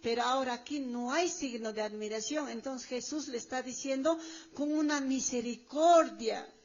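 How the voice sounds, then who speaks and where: A woman's voice: sits high, moderate pace, a little mellow. A woman preacher giving an emphatic sermon to a congregation, stretching out her exclamations. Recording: dull lo-fi recording.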